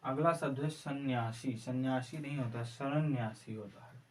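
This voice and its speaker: A man teaching an exam-prep Hindi class, slowly repeating each word several times in a spelling drill. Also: mid-range voice. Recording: distant mic with faint background noise.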